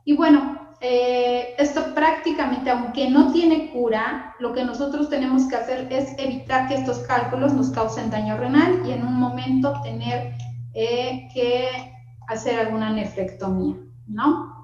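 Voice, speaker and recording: A woman's voice: on the high side, fairly even intonation, unhurried, a little mellow, slight background noise. A woman giving a medical class lecture, explaining step by step with frequent fillers and asides to her students. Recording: lo-fi echoey room recording.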